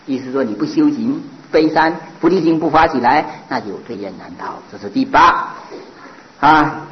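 A man, a Buddhist monk, giving a sermon with rhetorical questions and lively mimicry of people he describes. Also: a little high, normal speed. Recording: dull lo-fi recording.

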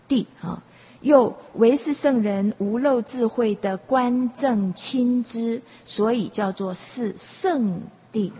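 A woman's voice: a little high, husky. A woman teaching a Buddhist class, explaining patiently and repeating herself, with many checking questions to the students. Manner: patient, explaining with frequent rhetorical questions and repetitions. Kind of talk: dharma class lecture. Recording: reverberant, muffled lo-fi recording.

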